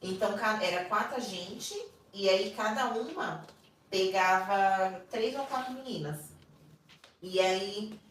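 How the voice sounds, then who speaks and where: A woman with a Brazilian Portuguese accent tells a personal story as a podcast guest, animated and acting out other people's lines. She sits back from the microphone in a very echoey room, with a faint hiss underneath. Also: medium pitch, slow. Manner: animated, acts out the voices of people in her story. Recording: echoey room, distant mic, faint noise.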